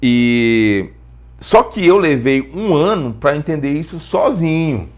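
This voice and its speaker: Speaking slowly in a fairly high voice, a very animated Brazilian-accented English teacher gives an informal lesson built on personal stories, full of rhetorical questions and phrases repeated for emphasis.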